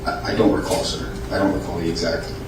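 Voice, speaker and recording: An American man giving courtroom testimony as an expert witness, answering formally and politely in a measured, hesitant way. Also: sits low, level tone. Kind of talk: courtroom testimony under questioning. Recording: echoey, distant, noisy courtroom audio.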